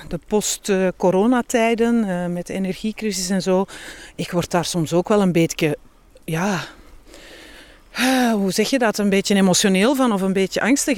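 Candid and expressive, this Flemish-accented woman chats casually as an interview guest; she's an author who speaks on healthy living. Her voice is medium in pitch and a little mellow, with no echo.

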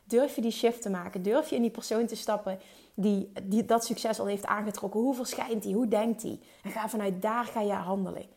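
A woman's voice: mid-range voice, fairly even intonation, fairly quick, darkish tone. A woman coaching entrepreneurs in an emphatic motivational monologue, dropping English phrases into her talk. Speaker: business coach.

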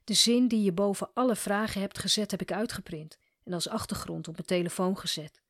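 A woman voicing a young female client who is doubtful and searching, speaking quietly and reflectively. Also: mid-range voice, fairly quick, no room sound, clean studio sound.

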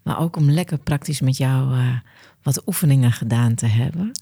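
A woman's voice: a bass voice, moderate pace, vocal fry, dark tone, slightly rough. A woman hosting a wellbeing podcast, thanking a guest and delivering closing words. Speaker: podcast host. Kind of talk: warm-worded interview wrap-up and outro.

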